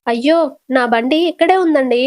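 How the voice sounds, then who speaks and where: Woman as a gentle placating young wife. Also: high voice, moderate pace, natural voice. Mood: pleading.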